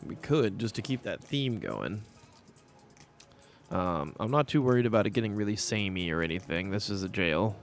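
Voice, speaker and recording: Building in Minecraft, a man with a fairly low voice and lively intonation chats casually at a moderate pace, wandering in thought and repeating himself. Hiccups and burps keep interrupting him over soft background music.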